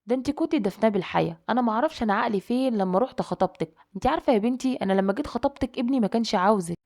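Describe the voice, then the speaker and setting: A woman's voice: mid-range voice, mellow, lightly acted. A woman voicing a blunt, scolding older mother-in-law with an Egyptian Arabic accent, lecturing at length.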